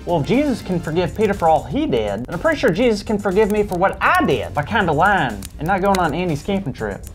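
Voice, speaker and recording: Woman as jokey kid Carl: playful, soft-hearted boy, voice swinging up and down a lot. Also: fairly low pitch, quick pace, faint music behind. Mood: relieved. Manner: playful, joking, excitable. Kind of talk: kids' church puppet skit.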